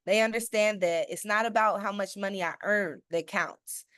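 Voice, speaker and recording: A woman's voice: mid-range voice, normal speed, fairly bright tone, no echo. Woman, financial educator, sales-style webinar, emphatic, rhetorical questions, dry close sound. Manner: checks in with listeners with a frequent "okay?".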